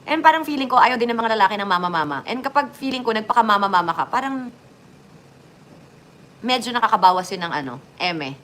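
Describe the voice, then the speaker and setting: A woman's voice: brisk, a little hiss or hum. A woman chatting casually to her viewers as a vlogger, joking and swinging her voice up and down. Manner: chatty, lively swings in pitch and loudness, joking asides.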